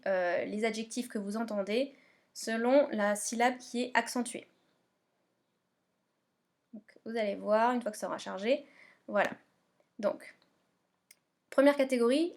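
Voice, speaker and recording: A woman's voice: fairly high pitch, a little mellow. A woman teacher guiding pupils step by step through their remote English homework, often checking they follow. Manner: patient, step-by-step, checks understanding. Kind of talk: remote lesson instructions.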